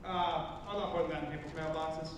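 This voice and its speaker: A man's voice: fairly high pitch, level tone, brisk, close to an everyday voice. A man in stage improv playing a grumbling small-town mailman. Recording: echoey room from far off, noisy.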